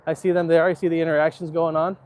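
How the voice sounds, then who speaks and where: Walking outdoors through the city, an easygoing middle-aged American man talks casually to his live stream and responds to viewer comments. His pitch is fairly high and his tone level and darkish, and he speaks fast. Street noise from the walk runs underneath.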